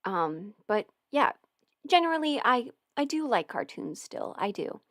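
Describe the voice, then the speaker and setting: Answering livestream questions from home over a bowl of ramen, a young woman in her twenties rambles and giggles near the mic, using lots of fillers. She speaks at a measured pace in a fairly high, sing-song voice, with no echo.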